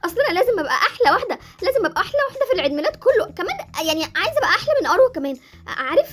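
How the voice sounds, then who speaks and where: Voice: extremely high pitch, big pitch swings, racing, a bit bright, full character voice. A young performer with an Egyptian accent voicing Jessie, a clingy, dramatic girl in a Roblox roleplay series. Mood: excited.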